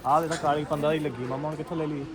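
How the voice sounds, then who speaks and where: A Punjabi man talks fast and casually in a fairly high voice. He is heard at some distance from the microphone amid busy chatter. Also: fairly even intonation. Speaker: friend of the vlogger. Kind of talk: casual chat. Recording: distant from mic, crowd around.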